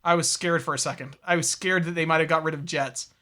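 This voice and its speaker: A man's voice: on the high side, fairly even intonation, fast, bright, forceful tone. A man co-hosting a podcast in casual, rambling, profane chat, now and then reading out news. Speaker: podcast co-host.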